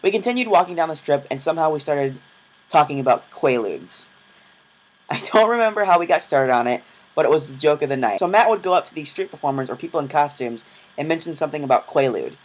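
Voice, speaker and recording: A man's voice: fairly high pitch, lively intonation, rough recording. A young man narrating his travel vlog in a casual, self-deprecating storytelling voice-over. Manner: chatty, self-deprecating, quick asides. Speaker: vlogger.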